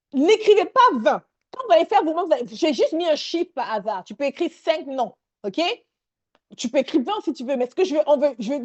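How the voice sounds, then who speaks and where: A woman leading a live online workshop, energetic and sprinkling English words into her talk. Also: high voice.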